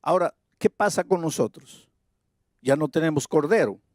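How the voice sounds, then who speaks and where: A man's voice: a little high, animated, normal speed, a little mellow, no echo, clean studio sound. A male pastor preaching an evangelistic sermon in an emphatic way, repeating his key phrases.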